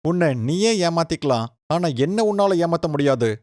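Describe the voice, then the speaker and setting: A woman voicing a kind, protective young man in a cartoon story, with a lowered, earnest voice. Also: expressive, normal speed, a little mellow, no room sound, studio quality, natural voice. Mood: caring.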